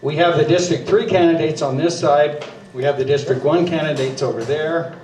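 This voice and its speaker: A man moderating a county debate, speaking plainly and haltingly with many fillers. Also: a little high, a little mellow. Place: public meeting room. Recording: roomy hall audio from far off, faint noise.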